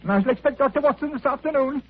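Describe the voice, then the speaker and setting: A man's voice: very high-pitched, racing. A whining miserly old man. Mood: complaining. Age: older. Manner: whining, grumbling, complaining. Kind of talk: 1940s radio acting. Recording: tinny old radio broadcast.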